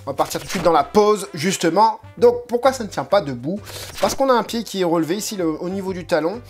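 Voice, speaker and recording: A fast-talking man with a high, expressive voice hosts a figurine unboxing video, casually joking and rambling with plenty of hesitant fillers. Faint music plays in the background.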